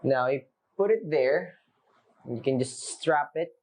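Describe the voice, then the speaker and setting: Speaking slowly in a fairly high voice, a young Filipino man from the Philippines, a native speaker, chats with viewers in a loose, unscripted product review full of fillers. The audio comes from a camera mic.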